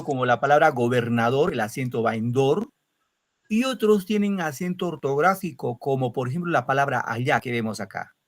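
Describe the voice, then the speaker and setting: A man teaching an online class, lively and questioning, repeating words syllable by syllable. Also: fairly high pitch. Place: home, video call. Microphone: computer mic on video call.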